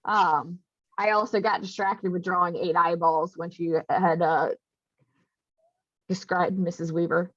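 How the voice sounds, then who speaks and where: A woman's voice: on the low side, fairly even intonation, measured pace, fairly bright tone, dry recording. A woman chatting playfully in a casual group discussion. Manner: playful, laughing. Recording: muffled lo-fi mic.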